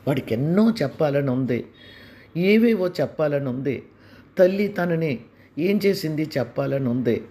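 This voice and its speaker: A man narrating a dramatic family story in a soft, sorrowful way. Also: on the high side, expressive, unhurried.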